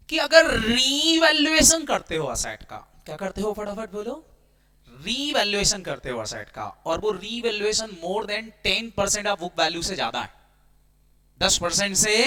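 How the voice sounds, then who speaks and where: A man teaching an accounting class in an energetic lecture style, mixing Hindi with English terms and constantly quizzing his students with quick check-in questions. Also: sits high.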